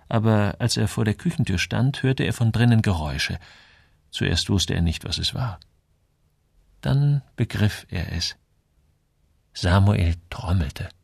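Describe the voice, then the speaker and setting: A man reading a novel aloud in measured scripted narration. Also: fairly low pitch, vocal fry, darkish tone, slightly rough, dry recording. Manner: measured storytelling. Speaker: audiobook narrator.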